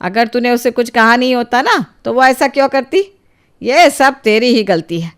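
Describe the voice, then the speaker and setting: A woman's voice: fairly high pitch, normal speed, smooth, lightly acted. A woman voicing a scolding old grandmother who spoils her granddaughter, in a cartoon storybook. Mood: chiding. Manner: indulgent, chiding.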